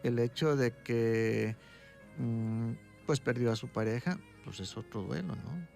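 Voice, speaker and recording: Brief: male doctor, interview guest, gravelly mid-pitched voice, patient explanatory delivery. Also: unhurried, soft background music. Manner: calm, explaining, tags points with "¿sí?".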